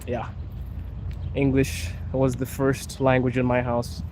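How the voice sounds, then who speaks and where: A Zimbabwean streamer and podcast host live-streams while walking along city streets, chatting casually and reading viewer comments aloud. His medium-pitched voice is monotone and slow. The outdoor recording is noisy, with traffic and street noise behind him.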